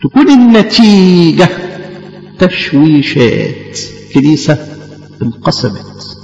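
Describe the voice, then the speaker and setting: A man's voice: on the high side, big pitch swings, slow, gravelly, a little mellow. A man preaching a sermon with an Egyptian Arabic accent, firing off rhetorical questions and acting out both sides of imagined exchanges. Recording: echoey church hall, dull lo-fi sound with faint music.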